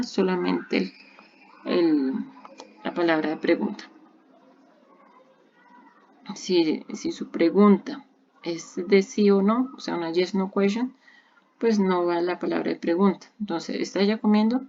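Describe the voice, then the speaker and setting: A woman's voice: medium pitch, creaky, a little mellow. A woman, an English teacher giving a recorded online grammar lesson, explaining patiently step by step and repeating examples. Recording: dull lo-fi recording.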